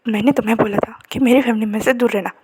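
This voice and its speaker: A woman's voice: fairly high pitch, steady tone, quick pace, noisy background, close to an everyday voice. A woman voicing a stern, overprotective man with a menacing mafia-boss edge, scolding harshly in a storytelling narration.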